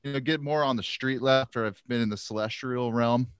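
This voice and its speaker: A man's voice: medium pitch, fairly even intonation, brisk, clean tone, no echo. A man co-hosting a podcast in casual banter, dry and teasing, often mock-serious. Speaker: podcast co-host.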